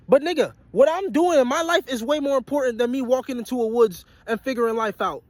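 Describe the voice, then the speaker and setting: High-voiced young man ranting, dry sound. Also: no room sound. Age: 20s. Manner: blunt, profane and repetitive, hammering points home. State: sweaty after a long work shift. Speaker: vlogger and aspiring musician. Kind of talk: motivational rant to camera.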